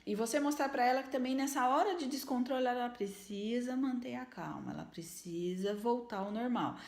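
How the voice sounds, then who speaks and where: To camera, a woman offers earnest, explanatory parenting advice in a casual way, often tacking on little tag questions to check in. Her voice is on the high side, creaky, and darkish, at a moderate pace, with noticeable reverb.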